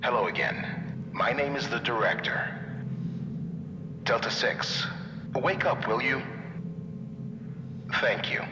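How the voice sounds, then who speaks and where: A man's voice: mid-range voice, takes it slowly, pauses often, muffled recording, noisy background, natural voice. A man playing a smug, impatient director in a video game, theatrical and condescending, with an announcer-like delivery in a reverberant space. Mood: mock-polite. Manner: mock-polite, condescending, announcer-like. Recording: echoey hall reverb, music behind.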